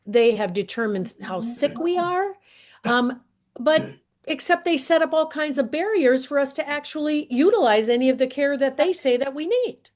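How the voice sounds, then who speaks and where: Hoarse older woman giving a talk. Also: a little high, a little mellow. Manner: earnest, clears her throat often, walks through slides. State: hoarse, losing her voice. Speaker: guest speaker, healthcare advocate. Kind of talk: presentation talk.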